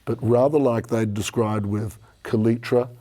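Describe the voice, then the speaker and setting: Croaky, mellow man presenting medical findings. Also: mid-range voice, fairly even intonation, a little slow. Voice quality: croaky, hoarse voice. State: croaky from a strained voice this week. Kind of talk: expert conference review.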